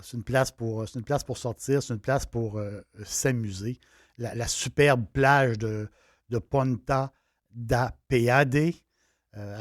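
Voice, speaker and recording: A man's voice: mid-range voice, dry recording. Man, Quebec French accent, travel host, chatty and enthusiastic, restarts a lot, dry close sound. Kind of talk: casual travel talk.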